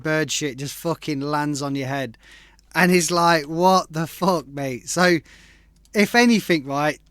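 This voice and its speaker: A man's voice: fairly high pitch, a bit bright, no echo, clean studio sound. A man hosting a live stream, giving blunt, sweary, slang-heavy feedback on tracks. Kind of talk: casual chat. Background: faint music playback.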